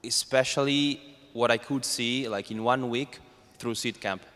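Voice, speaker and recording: A man's voice: mid-range voice, fairly even intonation, measured pace, a bit bright. A man with an Italian accent, a native Italian speaker, answering as a startup founder on a panel, hesitantly searching for words. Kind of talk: informal spoken panel answer. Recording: reverberant hall.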